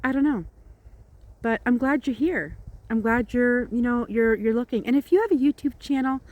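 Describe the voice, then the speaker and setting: A woman's voice: fairly high pitch, animated, normal speed, narrow, tinny audio. A middle-aged woman rambling casually to her viewers outdoors, in a chatty, informal way. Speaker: vlogger. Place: outdoors in the countryside.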